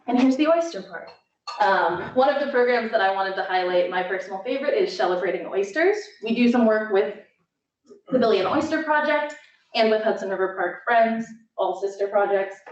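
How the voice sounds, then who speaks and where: A woman's voice: medium pitch, animated, normal speed. A young woman student presenting her internship slides with enthusiasm. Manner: enthusiastic, gets emotional and choked up near the end. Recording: echoey, distant, dull lo-fi sound.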